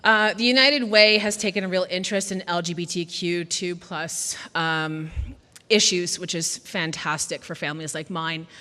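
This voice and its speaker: A woman's voice: lowish voice, bright, forceful tone. A woman with a Canadian accent giving a semi-informal public speech at a podium microphone in a large hall. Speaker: guest speaker. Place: large wood-panelled hall.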